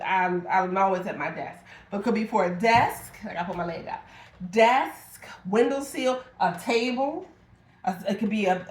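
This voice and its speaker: A middle-aged woman running a live auction as a reseller, chatting playfully and talking straight to her viewers. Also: mid-range voice. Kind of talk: casual live-selling chat. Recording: echoey room.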